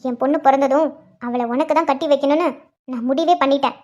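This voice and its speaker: A woman voicing a scheming, stubborn middle-aged aunt in a cartoon story, speaking in a low, menacing, deliberate way. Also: steady tone, darkish tone, close to an everyday voice. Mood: vengeful, determined.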